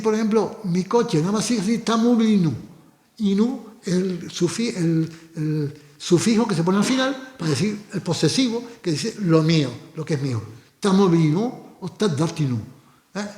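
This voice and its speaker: A man's voice: high voice, animated, moderate pace, a little mellow. A man with a Canarian Spanish accent presenting his book, explaining at length with frequent restarts and asides. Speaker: book author. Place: cultural centre hall. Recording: echoey hall recording.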